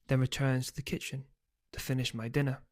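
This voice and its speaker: A man, the book's author, reading his first chapter aloud in a steady storytelling voice. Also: mid-range voice, fairly quick. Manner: steady storytelling, loose and hesitant when speaking offhand.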